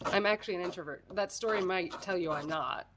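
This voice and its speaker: Speaking quickly in a voice on the low side, an American woman from the United States runs a crafting livestream. She chats casually and self-deprecatingly while working, laughs a lot, and sounds a bit congested. The recording is very noisy.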